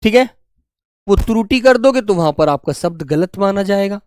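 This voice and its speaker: A man teaching a spelling class online, coaxing his students and slowly repeating words to show how they are said. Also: sits high, expressive, darkish tone, clean tone, no echo, studio quality. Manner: coaxing, keeps calling students "beta" and "bachche". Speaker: Hindi teacher.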